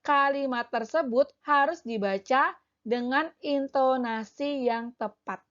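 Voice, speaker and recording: A woman's voice: sits high, slow pace, a bit bright, lo-fi sound. A woman teacher explaining a language lesson for young schoolchildren, carefully and step by step, often starting with "nah" and "jadi".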